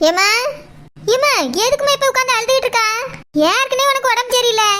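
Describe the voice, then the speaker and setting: A fast sharp-tongued cartoon daughter. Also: very high-pitched, steady tone. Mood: scolding. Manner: scolding, blunt, sarcastic. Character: brisk no-nonsense middle-aged daughter. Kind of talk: cartoon voice acting.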